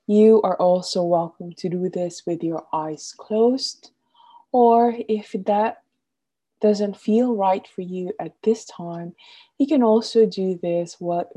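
Speaking at a fairly low pitch, a meditation instructor guides listeners through relaxation in a soothing, gentle manner. Her instructions are deliberate, and her phrases fade softly at the ends.

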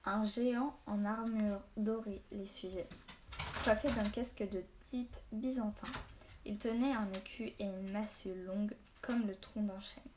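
Quiet woman reading a novel aloud. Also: mid-range voice, fairly even intonation, measured pace, noisy background. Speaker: narrator. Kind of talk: audiobook narration.

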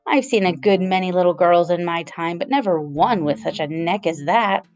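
A woman's voice: moderate pace, muffled recording, soft background music, close to an everyday voice. A woman voicing a fretful female pigeon who shrieks and scolds about serpents and her eggs. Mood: contemptuous. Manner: shrill, sobbing, contemptuous.

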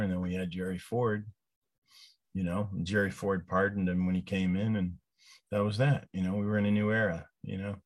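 Low-voiced man in his sixties, halting. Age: 60s. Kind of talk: casual conversation, reminiscing.

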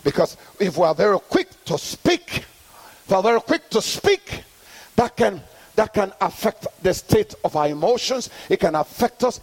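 A man's voice: high voice, big pitch swings, normal speed. A middle-aged man preaching a sermon to his congregation, calling out for the church to answer back and building to emphatic peaks. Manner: call-and-response preaching, rising to emphatic peaks. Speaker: pastor.

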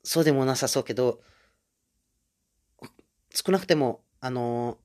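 A foreigner who moved to Japan hosts a talk series about Japanese, here in a casual solo monologue. His mid-range voice is a little mellow, and he hesitates often, filling pauses, correcting himself, and laughing at himself.

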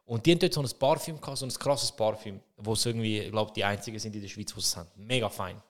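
Animated Swiss German man telling a story. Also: lowish voice, fast talker. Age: 30s. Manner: animated, swings loud when reenacting arguments. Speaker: podcast co-host. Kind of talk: casual comedic storytelling.

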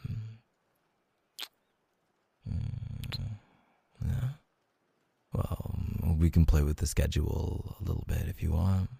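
A young man in a whispered role-play, talking softly and intimately as a reassuring boyfriend. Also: steady tone, unhurried, no room sound. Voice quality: gravelly, husky low voice. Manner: soft, intimate, reassuring talk to the listener.

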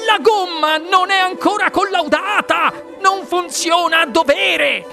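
A reader voicing an excitable, eccentric male inventor in an audiobook, boastful and then panicky. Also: high voice, measured pace, over music, voice pushed up, full character voice. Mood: panicked. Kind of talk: audiobook character reading.

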